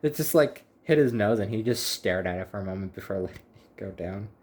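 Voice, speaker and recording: A man's voice: low-pitched, steady tone, fairly quick, a little mellow. A man chatting casually to the camera while cooking in his home kitchen, rambling with wry little asides. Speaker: home cook, channel host.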